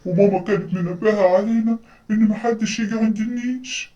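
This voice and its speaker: A woman's voice: mid-range voice, steady tone, a little fast, warm tone, far from the mic, dull audio, close to an everyday voice. Storybook teddy bear boy, panicky and stammering, Egyptian Arabic accent, a woman putting it on, mid-range voice set back from the mic. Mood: anxious. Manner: stammering, fretful.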